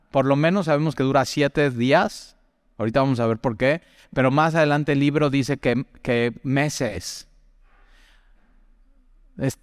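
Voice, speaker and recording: A man's voice: mid-range voice, smooth, no echo, clean studio sound, long reverb tail. A man teaching from the Bible in a chatty way, putting direct questions to the listener and telling personal stories.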